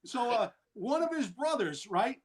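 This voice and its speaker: High-voiced guy, excitable, yells out the quotes and laughs a lot. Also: unhurried, breathy edge. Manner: excitable, acts out quotes loudly, laughs often. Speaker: guest telling stories. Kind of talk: animated storytelling.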